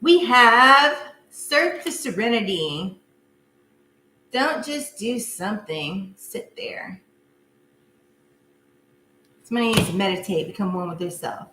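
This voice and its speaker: A woman's voice: mid-range voice, expressive, slow pace, long pauses, pushed and bright. A woman hosting a live tarot reading, chatting casually with her viewers and laughing often. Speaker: tarot reader. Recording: echoey room with faint noise.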